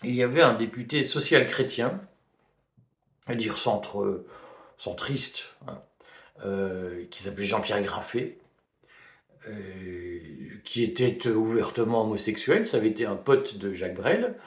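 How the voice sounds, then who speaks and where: A man's voice: lowish voice, lively intonation, unhurried, long pauses. A man from Belgium, giving spoken video commentary in a hesitant way, full of fillers and restarts. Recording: roomy echo.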